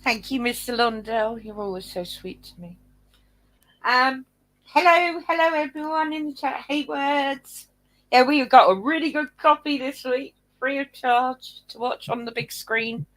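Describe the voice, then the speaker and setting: A woman's voice: high voice, measured pace, fairly bright tone, poor audio. A woman co-hosting in a casual, rambling, chatty way. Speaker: co-host. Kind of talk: casual chat.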